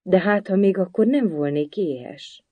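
A storybook reader voicing a curious, polite little girl who asks many questions, raised higher and louder. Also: no echo, muffled recording, lightly acted. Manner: eager questioning, timid at times.

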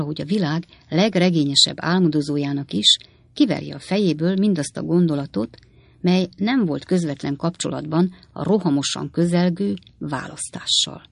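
A narrator reading a classic novel aloud in a measured, unhurried way. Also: mid-range voice, creaky, no room sound. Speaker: audiobook narrator. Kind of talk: scripted literary narration.

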